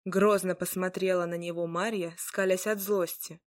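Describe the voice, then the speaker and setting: A woman storyteller giving an expressive, dramatic fairy-tale reading. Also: lowish voice, moderate pace, no room sound, studio quality.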